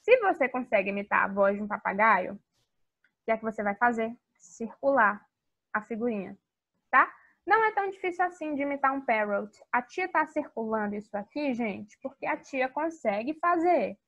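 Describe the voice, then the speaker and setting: A woman teaching English to young children in a video lesson, with a sing-song teacher manner and slowly spelled-out English words. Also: a little high, lively intonation, fairly bright tone. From Brazil. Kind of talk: recorded video lesson for kids.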